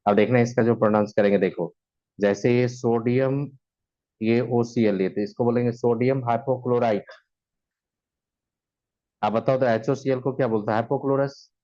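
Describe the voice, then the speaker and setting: A man gives a chemistry lecture in a mix, keeping the tone mellow and relaxed at a middle pitch. He often asks his class a question and answers it himself, going over each step again. The recording sounds dull and lo-fi. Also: moderate pace, pauses often. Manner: questions and answers himself, repeats steps to drill them. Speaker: chemistry teacher.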